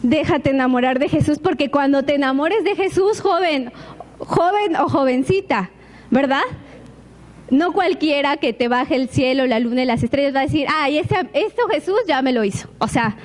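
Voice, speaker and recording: A woman pastor, preaching a lively sermon to her congregation with frequent rhetorical questions. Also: high-pitched, normal speed.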